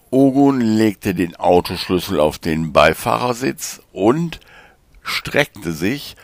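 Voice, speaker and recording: A male narrator with a deep, low voice reads a story at a slow, unhurried pace. His delivery is calm and even. The recording is dry and close. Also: dry recording. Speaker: audiobook narrator. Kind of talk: scripted narration.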